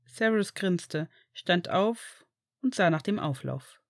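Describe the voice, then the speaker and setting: A woman reading a fan-written story aloud in a steady storytelling narration. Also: lowish voice, takes it slowly, dry recording, clean studio sound. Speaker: fanfiction reader.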